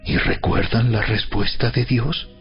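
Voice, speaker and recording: A man's voice: medium pitch, steady tone, unhurried. A man giving solemn, emphatic, rhetorical narration in a dramatized reading of scripture. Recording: dull sound with background music. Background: music.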